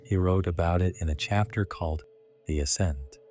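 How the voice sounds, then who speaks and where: A man with a deep voice narrates a scripted guided sleep meditation, speaking in a hushed, deliberate way and in short phrases.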